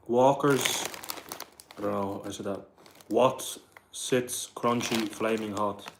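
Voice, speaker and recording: With vocal fry and background noise behind him, a Dublin man takes his time as he hosts a relaxed livestream. His fairly low voice keeps a fairly even intonation while he reads viewers' questions out and answers them, using "like" and "bro" constantly.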